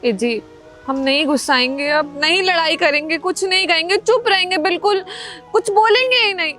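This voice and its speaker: A woman's voice: very high-pitched, moderate pace, sharp tone, soft background music. A woman playing an anxious, devoted young wife who keeps coaxing her husband to eat. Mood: pleading. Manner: pleading, coaxing. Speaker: actor in a comedy skit.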